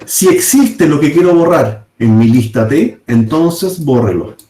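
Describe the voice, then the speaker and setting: A man's voice: fairly high pitch, animated, a little slow, mellow. A man teaching a programming class, explaining step by step and often checking in with his students. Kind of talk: live coding class. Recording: echoey room.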